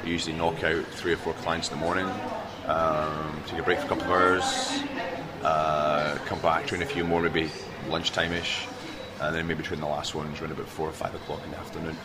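A man's voice: a bass voice, level tone, fairly quick, a loud crowd. A man who works as a personal trainer, talking about his job in a chatty, plainspoken way with some ums. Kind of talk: interview answers.

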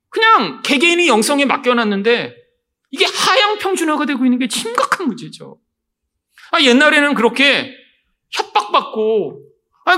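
A middle-aged man preaching a sermon as pastor, animated and often addressing the congregation directly. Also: high voice.

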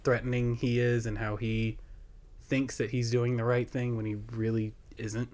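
A man's voice: mid-range voice, flat delivery, moderate pace, a little mellow. A young man hosting a podcast in casual chat, rambling with lots of fillers and laughing often. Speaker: podcast host.

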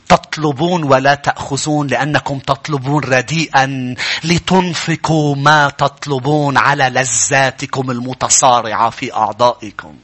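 A male pastor, preaching a fervent sermon that climbs into shouts. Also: medium pitch, husky.

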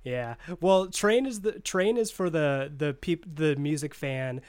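A man on a podcast mic, chatting casually, easygoing and agreeable and quick to laugh. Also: on the high side, darkish tone, clear, resonant tone, no echo, clean studio sound. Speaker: podcast host.

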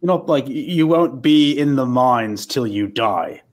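A man with a medium-pitched voice plays a tabletop game. He improvises casually, in a halting and wordy way. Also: animated. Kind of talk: casual improvised role-play.

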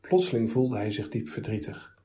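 A man narrating a story in a measured, even reading. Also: on the low side.

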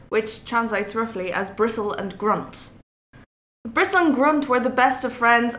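A woman's voice: fairly high pitch, a bit bright, echoey room. A woman with an Irish accent telling a folk tale aloud, with playful asides to her listeners. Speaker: storyteller. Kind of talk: oral storytelling of a folk tale.

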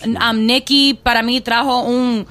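A woman's voice: on the high side, fairly even intonation, takes it slowly, pushed and bright. A woman from New York, a guest artist on a radio show, mixing English words into her Spanish with many fillers and restarts. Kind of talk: casual radio interview chat.

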